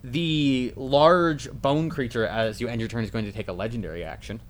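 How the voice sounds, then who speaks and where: A man runs a tabletop game in an easygoing, rambling way, often stopping to correct a word. His voice sits at an ordinary middle pitch. A faint noise hangs under the recording. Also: moderate pace. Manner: casual, self-correcting, laughs at own jokes. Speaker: game master.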